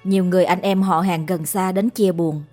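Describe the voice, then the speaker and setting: A woman tells a ghost story in a calm, measured voice. Her pitch sits on the low side. Faint background music runs beneath the narration.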